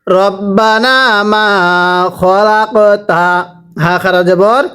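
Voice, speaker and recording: A man with a Bangladeshi Bengali accent teaching a Quran lesson, spelling out syllables and then chanting drawn-out recitation. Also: high voice, steady tone, fairly bright tone, smooth.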